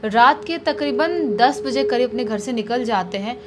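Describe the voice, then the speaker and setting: A woman retelling a spooky story in a conversational, animated way, as narrator of a horror story channel. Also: a little high, normal speed, noisy background. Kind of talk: casual spoken horror storytelling.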